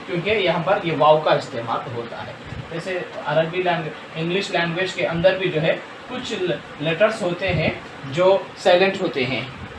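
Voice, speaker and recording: A man teaching Urdu spelling with a high voice and an unhurried pace. He spells words out letter by letter and explains patiently. He is recorded off-mic in a roomy, echoey space with faint noise behind him. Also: a bit bright, distant mic. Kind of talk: lesson.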